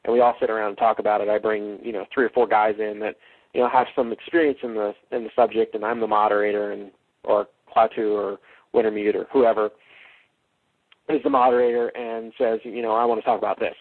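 Husky man podcasting on a dull cheap mic. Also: on the low side, level tone. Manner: rambling, halting, thinking aloud. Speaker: podcast host. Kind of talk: casual unscripted podcast discussion.

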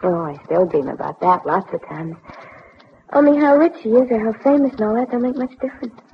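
A woman's voice: a little high, animated, fairly quick, husky, exaggerated voice. An actress playing an earnest, dreamy young woman with homespun, folksy speech in a 1940s radio drama. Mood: wistful. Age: young adult. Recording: dull 1940s radio recording.

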